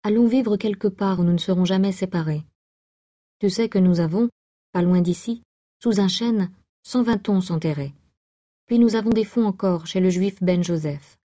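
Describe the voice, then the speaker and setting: A woman's voice: medium pitch, moderate pace, warm tone, close to an everyday voice. A woman doing a desperate jealous young man. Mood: pleading.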